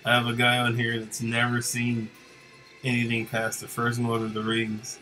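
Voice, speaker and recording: A man casually chatting with viewers of his live stream while he works, relaxed and rambling with lots of fillers. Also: medium pitch, normal speed, soft background music.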